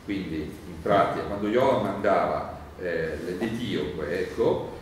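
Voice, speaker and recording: A lower-voiced man, a priest, explains a Bible passage in a loose, chatty lecture, filling pauses with "eh" and checking whether his listeners follow. The sound is very echoey and picked up from well away from the mic, with faint background noise. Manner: conversational, digressive, many "eh" fillers, asks the audience questions. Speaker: priest teaching a Bible course. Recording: very echoey room, mic far off, light noise.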